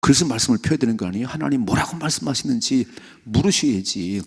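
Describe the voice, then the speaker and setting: Korean male pastor, dawn sermon, low husky gravelly voice, earnest preaching style. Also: lively intonation, quick pace.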